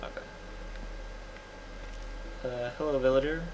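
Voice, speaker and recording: A man's voice: mid-range voice, fairly even intonation, a little slow, highs cut off, noisy background. A man hosting a casual game playthrough, joking and often exclaiming at what happens. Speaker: host. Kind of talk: casual gameplay commentary. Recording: background music clearly audible.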